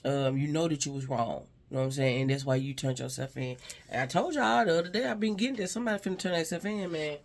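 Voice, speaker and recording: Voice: mid-range voice, fast, creaky. A spiritual advisor gives a casual, rambling reading to viewers. The speaker keeps repeating "you know what I'm saying," addresses an unseen person directly and sighs between thoughts.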